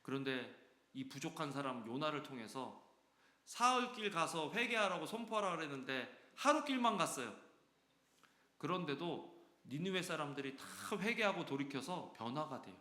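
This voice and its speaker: A man preaching a sermon as pastor, lively and acting out quoted voices with sudden swings between loud and soft. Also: a little high, moderate pace, pauses often. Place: church sanctuary. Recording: echoey church hall.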